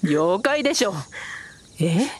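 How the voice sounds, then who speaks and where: A woman's voice: medium pitch, big pitch swings, slow pace. A woman playing a haughty, easily flustered long-necked female yokai with ladylike airs in a comedy audio drama. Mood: haughty, huffy.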